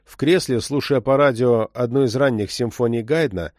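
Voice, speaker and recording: A man reading an audiobook novel in a steady, measured narrating voice. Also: medium pitch, dry recording, clean studio sound. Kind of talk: scripted narration.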